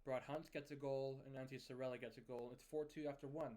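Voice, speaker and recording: Over footage of a hockey management video game, a young man talks casually through results and lineup adjustments, steady and conversational. His mid-range voice moves fast.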